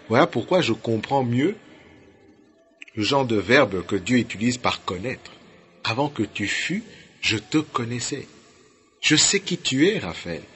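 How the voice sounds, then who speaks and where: A man from Congo preaching a sermon, fervent, rising to loud outbursts and dropping to quiet, low endings.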